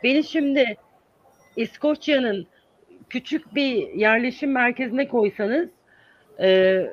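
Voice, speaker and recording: A man who teaches English, answering interview questions in an earnest, explaining manner with many hesitant fillers. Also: extremely high pitch. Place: lives in the United States. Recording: dull, dry sound.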